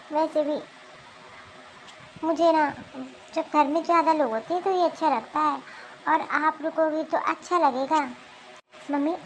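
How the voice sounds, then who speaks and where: A woman voicing a sweet, polite young daughter-in-law in an animated cartoon, coaxing gently. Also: high-pitched, a little hiss or hum, rough recording.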